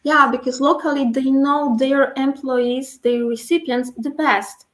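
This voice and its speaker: Higher-voiced woman talking with braces. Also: fairly even intonation, unhurried, fairly bright tone. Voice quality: speaking with dental braces, slightly impeded articulation. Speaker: guest speaker, internal communications and IT professional. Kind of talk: explanatory interview answers.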